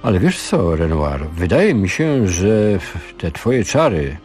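A man's voice: low voice, big pitch swings, takes it slowly, a little mellow, faint music behind, full character voice. A man voicing a modest American professor lost in the past, speaking in a flustered, hesitant way.

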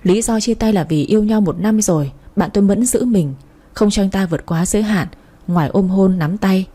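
Warm, husky young woman narrating. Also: mid-range voice, moderate pace. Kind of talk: scripted first-person story narration.

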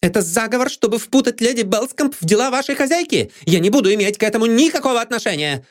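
A man voicing a sharp, haughty young lady's maid who is suspicious and quick to take offence, in a read-aloud storybook. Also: sing-song. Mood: scornful. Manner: shrill and indignant.

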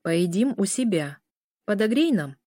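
A woman's voice: mid-range voice, sing-song, unhurried, dark tone, dry recording, clean studio sound. A woman doing a curt, possessive werewolf man. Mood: commanding. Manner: curt, commanding.

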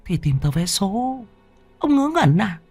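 A man voicing a greedy, sharp-tongued young wife in a ghost story, in a shrill, scornful voice. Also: big pitch swings, fairly quick, faint music behind, full character voice. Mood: cold scorn. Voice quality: shrill, piercing. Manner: scornful and cold.

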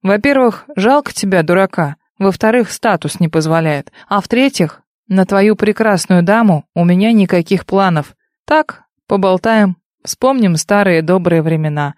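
A woman's voice: medium pitch, normal speed, a little mellow, no echo, clean studio sound, close to an everyday voice. A woman voicing a smug young man who talks down to others with sneering condescension in an audiobook. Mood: mocking. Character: smug mocking young man, old rival.

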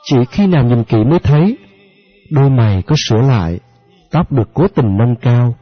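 A man narrating an audiobook in a steady, measured way. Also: mid-range voice, no echo. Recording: dry, dull lo-fi audio with faint music.

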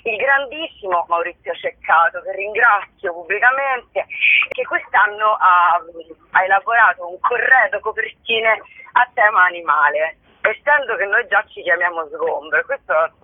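A woman who is a performer and writer chats as a guest in a casual interview, often hesitating and searching for words. Her mid-range voice moves at a normal speed with no echo, heard over a phone call on a thin, band-limited telephone line.

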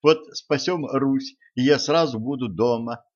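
A man voicing an impatient, excitable teenage girl who pleads and hurries others, on a dull lo-fi recording. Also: mid-range voice, a little slow, pitched above the performer's own voice, lightly acted.

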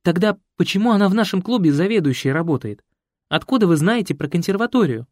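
A man's voice: fairly high pitch, expressive, fairly quick, darkish tone, no echo, pitched above the performer's own voice, close to an everyday voice. An eager, chatty young village woman, as a male audiobook reader puts her on, lifting his voice well above his own. She talks earnestly and a little pleadingly, recorded close and dry. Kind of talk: audiobook character voice.

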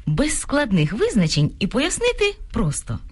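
A woman co-presenting a scripted radio talk on grammar, reading out examples in a clear, deliberate way. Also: on the high side, wildly swooping pitch. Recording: radio studio broadcast.

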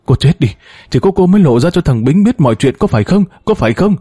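A man's voice: mid-range voice, expressive, quick pace, warm tone, no echo, clean studio sound, lightly acted. A man reading a story, voicing a distraught, grieving woman with a pleading, sobbing manner. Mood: anguished. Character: distraught grieving middle-aged woman, desperate mother.

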